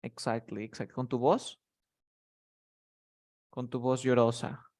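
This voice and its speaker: A man's voice: medium pitch, level tone, slow pace, darkish tone. A man teaching English vocabulary in a tutoring session, explaining words patiently step by step.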